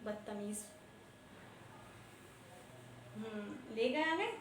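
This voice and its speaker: High-voiced stern woman teacher. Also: moderate pace, a bit bright. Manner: stern, scolding, mixes English words. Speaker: schoolteacher. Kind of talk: scolding a class. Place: school classroom. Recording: echoey classroom, faint background noise.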